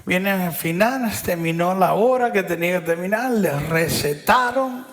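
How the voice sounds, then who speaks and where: A man's voice: high-pitched, animated, a little slow, fairly bright tone, slight background noise. A middle-aged man preaching a sermon, telling a story and often checking in with the listeners. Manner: storytelling, often adds "¿verdad?"; acts out what others said in the story.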